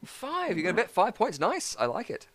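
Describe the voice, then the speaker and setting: A man's voice: sits high, big pitch swings, fast, fairly bright tone. A man hosting a live online quiz in a chatty, rambling way, full of fillers. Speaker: quizmaster.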